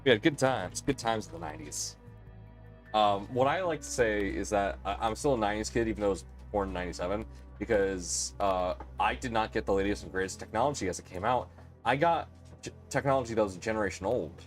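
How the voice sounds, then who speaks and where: A man's voice: fairly low pitch, fairly quick, faint music behind. A man in his late twenties hosting a casual live stream, rambling and chatty with lots of fillers and restarts. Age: 20s.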